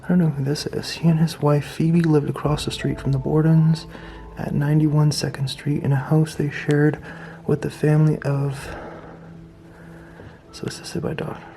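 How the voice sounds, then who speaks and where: Hushed, mellow-voiced man vlogging. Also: on the high side, little pitch movement, normal speed, gravelly, a little hiss or hum. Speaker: paranormal investigation vlogger, host. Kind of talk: casual vlog tour narration. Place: indoors in an old house.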